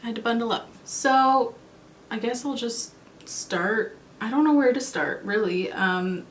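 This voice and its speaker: A woman's voice: a little high, a little slow, reverberant, a little hiss or hum. A woman in her twenties, chatting and rambling casually as she does her makeup for a vlog. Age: 20s. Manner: chatty, rambling, self-correcting. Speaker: beauty vlogger. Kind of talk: casual chat while doing makeup. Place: cold room at home.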